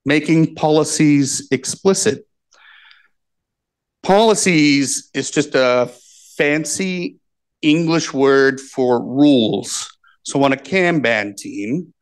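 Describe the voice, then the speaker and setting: Holding a handheld microphone in a projector-equipped conference room, a man from the United States delivers his talk at a deliberate pace. His pitch is medium, his manner plain and measured, and he reads each point slowly so it can be translated.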